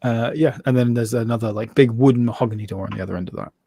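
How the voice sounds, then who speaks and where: A man's voice: medium pitch, very fast, creaky, warm tone, breathy edge, no room sound. A man narrating a live tabletop game as game master, laughing often and rambling loosely as he describes scenes.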